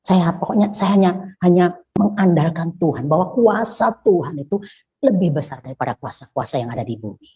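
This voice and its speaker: A low, husky woman tells her personal testimony in a halting, earnest way. She often repeats her phrases as she pleads. The recording sounds muffled and lo-fi. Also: animated, mellow. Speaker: convert giving a personal testimony.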